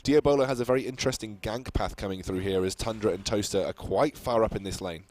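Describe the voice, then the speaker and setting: A man with a British accent giving measured, explanatory analysis as an esports caster. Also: lowish voice, darkish tone, a little hiss or hum.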